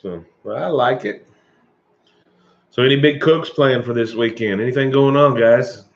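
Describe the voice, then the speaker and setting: A man hosts a live stream, chatting loosely with viewers, chuckling often and coughing from allergies. His voice is medium-pitched at a normal speed, and the sound is lo-fi.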